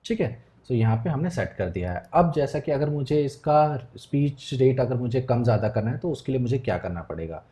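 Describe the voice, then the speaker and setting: Mellow-voiced man explaining code. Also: mid-range voice, animated, brisk, few pauses. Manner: patient step-by-step explaining, frequent check-ins. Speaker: coding tutor. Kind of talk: screen-recorded coding tutorial.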